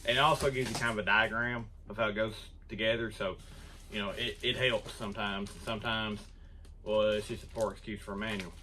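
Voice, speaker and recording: Casting: man, low voice, casual shop-talk host, rambling and self-deprecating, noisy recording. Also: fairly even intonation, a little fast, bright, forceful tone. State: out of breath. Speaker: woodworking channel host. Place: woodworking shop.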